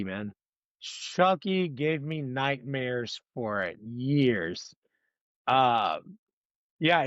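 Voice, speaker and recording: Band guest, man from Puerto Rico, easygoing podcast chatter, higher voice, lo-fi dry sound. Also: a bit bright, dry recording. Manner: laid-back, joking, says "man" and "baby". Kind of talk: casual podcast chat.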